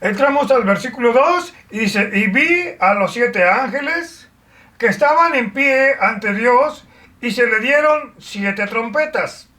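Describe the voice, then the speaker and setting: A woman teaching a Bible study lesson in a measured, explanatory way, pausing with fillers and restarting phrases. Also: fairly high pitch, expressive, pushed and bright, recorded from a distance.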